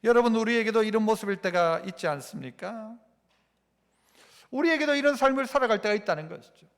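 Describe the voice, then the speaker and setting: A man preaching in a church sanctuary, his voice sitting high and leaping through a wide, animated range. He keeps turning to the congregation with rhetorical questions. A long reverb from the hall trails after each phrase. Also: a little fast, smooth. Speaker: pastor. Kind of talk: sermon.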